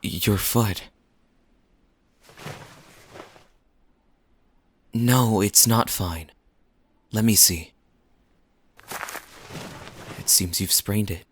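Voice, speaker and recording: Man acting as Kaeya, slow, suave low-voiced flirt. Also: slight background noise. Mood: concerned. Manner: smooth teasing, chuckling, deliberate phrasing. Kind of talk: intimate audio roleplay acting, addressed to listener.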